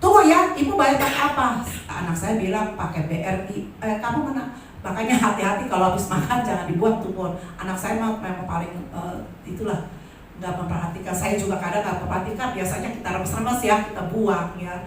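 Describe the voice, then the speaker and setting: Animated woman in her sixties, echoey hall. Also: mid-range voice, fairly quick, distant mic, slight background noise. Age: 60s. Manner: animated storyteller acting out dialogue. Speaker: church testimony speaker. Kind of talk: spoken testimony in a worship service. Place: large church hall.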